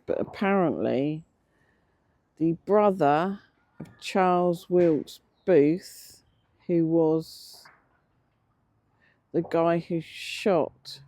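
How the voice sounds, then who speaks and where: An English vlogger, middle-aged or older, sits outdoors in a cemetery beside a road and narrates an unscripted, casual vlog. His medium-pitched voice has a relaxed timbre, and his slightly toothless, slurred diction stumbles over words as he speaks hesitantly and reflectively with many pauses.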